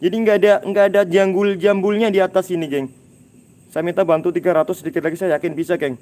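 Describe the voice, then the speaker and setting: A man hosting a live night-time ghost-hunting stream, talking in a hushed, urgent voice and often murmuring religious exclamations to his viewers. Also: high voice, steady tone, quick pace. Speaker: ghost-hunting livestream host. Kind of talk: live paranormal ghost-hunt narration. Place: dark building at night, outdoors nearby.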